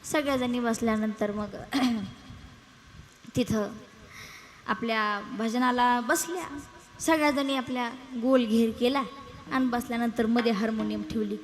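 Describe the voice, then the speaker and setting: This is a young woman with a high voice and a rural Marathwada accent, preaching a comic kirtan before a live gathering. She tells the story in a lively way and acts out the village characters in quick back-and-forth dialogue. Her voice rings with the long reverb of a large hall. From Maharashtra. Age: young adult. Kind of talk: comic devotional storytelling sermon.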